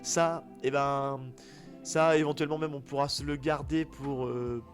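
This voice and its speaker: A man's voice: medium pitch, flat delivery, unhurried. Man with a tired voice, music behind. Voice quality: tired, worn voice. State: voice worn out from a day out in the cold. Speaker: podcast co-host. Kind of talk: casual manga review chat. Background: music behind the talk.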